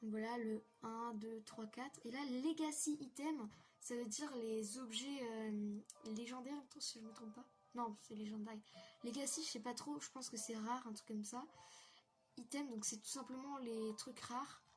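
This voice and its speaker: A woman's voice: on the high side, steady tone, moderate pace. A young woman from France walking viewers through a game hack in a casual, hesitant tutorial full of fillers. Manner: chatty, hesitant with many fillers. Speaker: gaming tutorial youtuber. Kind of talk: casual screen-recorded tutorial.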